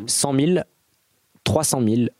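A man hosting a casual quiz among friends, reading out questions and answer options in a measured way and laughing often. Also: medium pitch, darkish tone, no echo. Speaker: quiz host. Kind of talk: casual quiz show banter.

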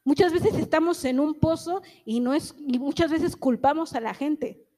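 A woman's voice: high-pitched, moderate pace, dark tone. A woman preaching a conversational church sermon, chatty and full of tag questions, acting out the voices she quotes.

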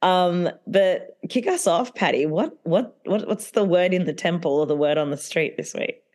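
Young woman co-host, casual and giggly, fairly low voice with a bouncy, animated delivery. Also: moderate pace. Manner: giggly, animated, says "like" a lot. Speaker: podcast co-host. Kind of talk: casual chat.

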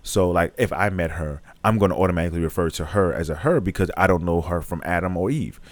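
Deep-voiced man talking bluntly. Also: fast talker. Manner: blunt, frank, repeats for emphasis. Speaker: podcast co-host. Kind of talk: casual chat.

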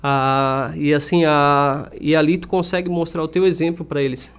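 Earnest man, fairly high. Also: flat delivery, moderate pace, smooth. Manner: earnest, reflective, with frequent restarts. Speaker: music teacher and singer. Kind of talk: interview guest.

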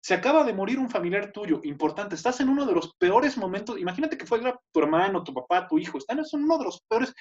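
A man's voice: high-pitched, very animated, quick pace, few pauses, lo-fi sound, a little hiss or hum. A young Mexican man co-hosting a podcast, ranting with playful mock outrage and joking with his co-host. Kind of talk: casual chat.

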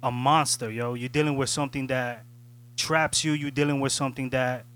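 A man's voice: medium pitch, steady tone, normal speed, fairly bright tone. A man co-hosting a casual podcast chat, talking in a reflective way and often asking "you know what I'm saying". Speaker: podcast co-host.

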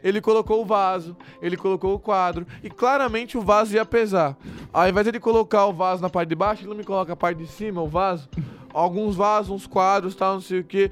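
A man's voice: high-pitched, fast talker, smooth. A young man with a Brazilian Portuguese accent telling a story in casual, slangy talk. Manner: lively, slangy, acts out quoted people.

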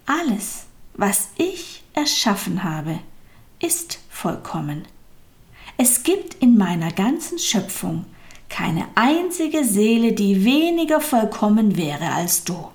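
Brief: woman reading a soft-spoken patient God for a storybook, calm, hushed, slow. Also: medium pitch. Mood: gentle. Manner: calm, soft, partly whispered. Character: gentle, patient God speaking to a soul.

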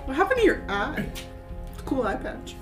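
A woman's voice: sits high, very animated, moderate pace, fairly bright tone, soft background music. Playful young woman in an echoey room. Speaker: player. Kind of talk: casual tabletop game chat.

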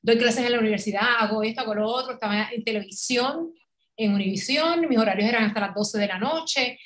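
Speaking fairly quickly, a middle-aged podcast guest with a Puerto Rican Spanish accent chats casually with the host about her life. She laughs readily, performs quoted lines with energy, and her voice sits slightly high.

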